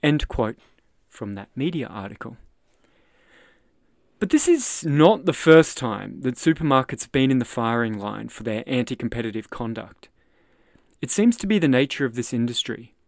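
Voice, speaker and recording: An Australian man hosting a podcast, reading his own economics article aloud in a measured, explanatory way. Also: medium pitch, very animated, no echo, clean studio sound. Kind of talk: read-aloud article narration.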